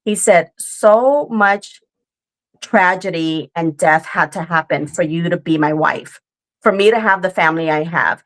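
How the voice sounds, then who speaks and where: An earnest woman in her forties tells a personal story as an interview guest. Her voice sits a little low. She talks it through casually and keeps checking in with the listener. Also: a little slow. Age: 40s. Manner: earnest storytelling with frequent "right?" and "like". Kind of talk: conversational interview.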